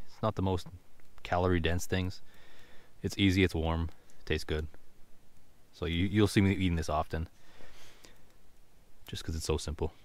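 A young man casually chatting to camera while cooking at a winter campsite in a snowy forest, offhand and thinking aloud as he goes. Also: deep voice. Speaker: outdoor vlogger.

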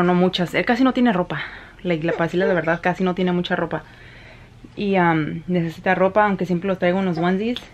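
A woman's voice: on the low side, slight background noise. Chatty Mexican woman vlogging at home. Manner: chatty, rambling. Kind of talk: casual chat.

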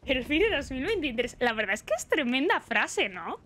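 A woman's voice: high-pitched, sing-song, moderate pace, fairly bright tone. A young woman giving playful live gameplay commentary, chatting to the enemies and yelping and swearing when she is hit. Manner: playful, talks to the game boss, frequent startled yelps and swearing. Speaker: streamer. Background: game music.

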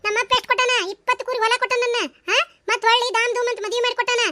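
Cartoon village wife, very high squeaky voice, bossy, North Karnataka accent, fast talker, woman voicing her. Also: flat delivery, sharp tone. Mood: scolding. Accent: North Karnataka Kannada. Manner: scolding, bossy, quick retorts. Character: sharp-tongued village landlord's wife. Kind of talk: cartoon voice acting.

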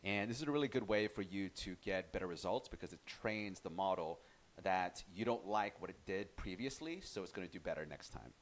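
A man with a fairly low voice walks viewers through a software tutorial. He is chatty and relaxed, often trailing off and restarting his sentences. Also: fairly quick. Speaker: tutorial host. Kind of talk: casual screen-recorded software tutorial.

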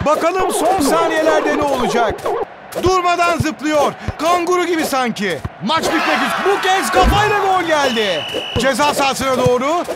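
A man voicing an excitable football commentator in a video game, with screaming, exclamatory calls. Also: very high-pitched, normal speed. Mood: screaming excitement. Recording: game music and crowd noise behind. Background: music and stadium crowd.

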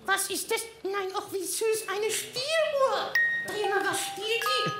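A man voicing a sharp-tongued female hippo puppet with cheeky, quick-witted backtalk on a carnival stage. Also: very high-pitched, heavy background noise, voice pushed up. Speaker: ventriloquist's puppet.

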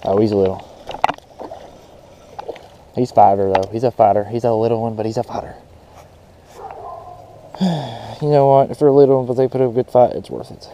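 A young man, vlogging excitedly while fishing at a rural pond, recorded on a chest-mounted action camera. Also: mid-range voice, moderate pace, pauses often. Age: young adult. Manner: excitable, shouts with joy over big catches. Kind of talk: casual vlog narration while fishing. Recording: faint outdoor noise, action camera.

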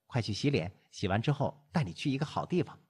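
Easygoing young man in an audiobook, joking, husky voice; male reader. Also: medium pitch, animated, fast, darkish tone. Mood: teasing. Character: young man, cheeky official.

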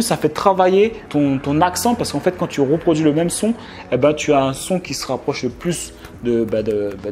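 A man's voice: on the high side, a little mellow. Slangy young man giving casual advice. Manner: slangy, informal, many fillers and restarts. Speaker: online business vlogger. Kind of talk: casual advice talk to camera. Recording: faint music behind.

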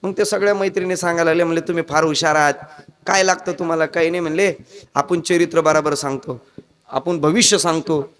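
A man telling a comic devotional story as a kirtan preacher, acting out the characters in raised voices. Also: fast. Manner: animated, acts out characters with raised pitch.

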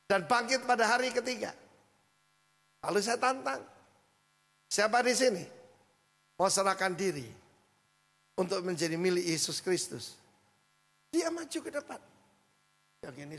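High-voiced pastor with a gravelly edge. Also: male voice. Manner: lively storyteller, frequent asides to the congregation. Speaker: senior pastor. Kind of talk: sermon with storytelling. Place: church hall. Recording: hall reverb with mains hum.

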